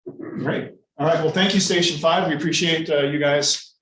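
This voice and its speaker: A man hosting a community meeting informally, with a casual, halting way of talking. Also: fairly high pitch, fairly even intonation, fairly bright tone. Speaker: meeting host. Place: indoor hybrid meeting room. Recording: echoey room, far from mic.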